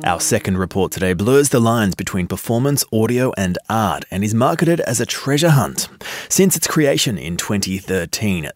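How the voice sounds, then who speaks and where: A man's voice: on the low side, dry recording. A man presenting a radio news magazine, introducing a report with polished scripted delivery. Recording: dry studio sound.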